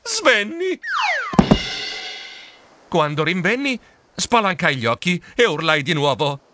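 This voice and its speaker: A man narrating a children's storybook in a theatrical way, with sound effects and drawn-out words. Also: on the high side, very animated, bright, forceful tone, faint music behind. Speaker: storybook reader.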